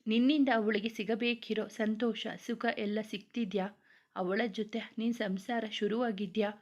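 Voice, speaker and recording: A woman's voice: medium pitch, fairly even intonation, normal speed, a little mellow, natural voice. A woman reading the lines of a young man who teases and scolds his best friend, in a storybook tale. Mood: probing.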